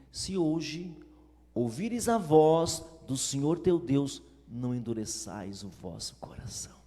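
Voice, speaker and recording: Man, Brazilian accent, pastor preaching, emphatic, rhetorical questions, high voice, long church reverb. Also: a little mellow. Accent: Brazilian Portuguese. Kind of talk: sermon.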